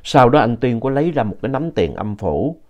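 A man's voice: mid-range voice, sing-song. Man, telling a story. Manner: unhurried, conversational retelling with explanatory asides. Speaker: storyteller reading a listener's ghost story. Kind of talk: narrated audio story. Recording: dull lo-fi audio.

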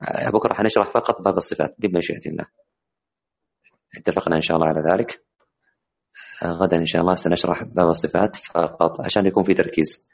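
A man with a low-pitched voice, fairly even intonation and vocal fry explains the rules of Quran recitation in an online lesson, pausing on many hesitant, drawn-out fillers.

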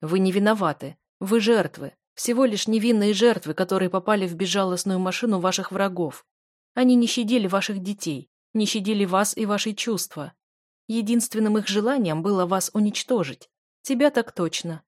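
A woman's voice: medium pitch, normal speed, no room sound, clean studio sound, lightly acted. A woman reading an audiobook and voicing a blunt male friend who speaks firmly and takes charge. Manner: firm, commanding. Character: grown man, blunt loyal friend.

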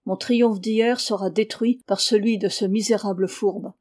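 A proud, anxious aging factory owner, voiced by a woman reading aloud. The voice is soft and lowered, with a mellow, dark tone, and the scene reads like a storybook. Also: steady tone, unhurried, lightly acted. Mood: troubled.

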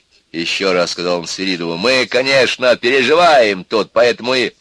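A man's voice: on the low side, moderate pace, fairly bright tone, no room sound, pitched above the performer's own voice. A man voicing a stern firm father.

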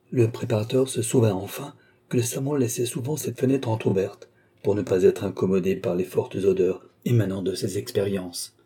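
A man reading a period detective story aloud in measured, even narration. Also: on the low side, slightly rough. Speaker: audiobook narrator.

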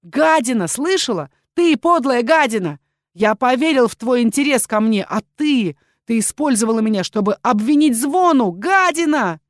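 A woman reading a storybook voices a furious young male druid who shouts and spits insults. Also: medium pitch, animated, measured pace, dry recording, studio quality. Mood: screaming rage.

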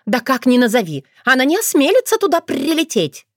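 A fussy mother crow, as a woman reader puts her on, high, shrill and flustered, far above the narrating voice. Her pitch swings around in a lively way, and the recording is dry and close. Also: a little fast, no room sound, exaggerated voice. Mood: fretting.

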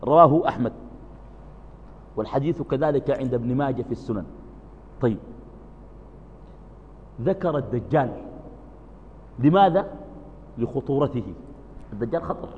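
A man preaching in Sudanese Arabic, asking his listeners questions and answering them himself, calm one moment and suddenly loud and emphatic the next. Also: mid-range voice, moderate pace, pauses often, long reverb tail, dull audio, slight background noise. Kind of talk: religious lesson.

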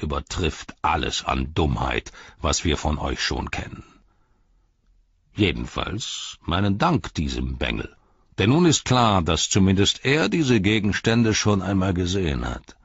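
A scornful, gloating herald of a dark lord taunts his enemies, as a man reading an audiobook puts him on. The voice is deep and husky, with a mocking edge that swings higher in sharp jabs. The recording is dry and a bit dull. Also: big pitch swings, a little slow, dry recording, heavily acted.

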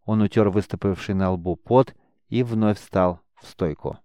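Smooth-voiced male audiobook narrator. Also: low-pitched, a little slow, warm tone, no room sound, studio quality. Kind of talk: scripted narration.

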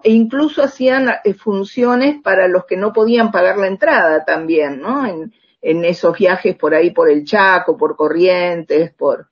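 A woman's voice: mid-range voice, husky. A middle-aged Argentine woman talking conversationally as an interview guest, often checking in with little tag questions. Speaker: radio drama writer, interview guest. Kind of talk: conversational interview, telling anecdotes. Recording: slightly dull lo-fi sound.

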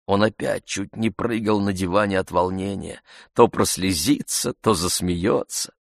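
Male audiobook narrator, low voice, slow and expressive, dry close mic. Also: vocal fry, no echo. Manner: expressive, measured. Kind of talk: audiobook reading of a classic novel.

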